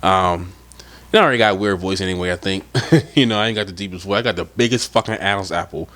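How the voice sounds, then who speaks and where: A young man hosts his own solo podcast, talking loosely and laid-back, rambling and swearing as he goes. His voice is a bit low and a bit bright, quick-paced, and slightly stuffed up from a head cold.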